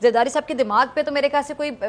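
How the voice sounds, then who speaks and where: A young woman with a Pakistani Urdu accent hosting a political talk show, politely interrupting and pressing her guests with pointed questions. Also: sits high. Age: young adult.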